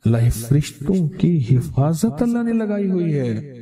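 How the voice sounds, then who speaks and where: A man's voice: a little high, very animated, crowd noise. A man preaching a sermon and telling a story dramatically, acting out the characters' lines. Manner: dramatic storyteller, acts out voices in quotes.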